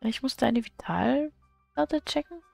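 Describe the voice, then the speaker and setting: A woman reading the lines of a friendly, nervous young male village doctor in a game, in a gentle, hesitant way. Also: high voice, expressive, slow, creaky, no echo, soft background music, voice pushed up, full character voice. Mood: gentle reassuring.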